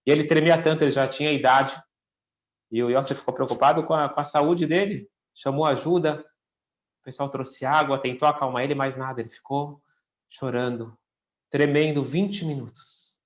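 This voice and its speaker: A man's voice: medium pitch, fairly even intonation, moderate pace. A rabbi telling a story in a talk, raising his voice for the quoted lines. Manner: acts out the quoted lines with a lifted voice. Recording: echoey room.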